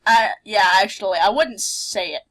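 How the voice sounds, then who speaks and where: A playful, expressive woman hosting a let's play, switching between reading game text aloud and casual commentary. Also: fairly high pitch, moderate pace, rough recording.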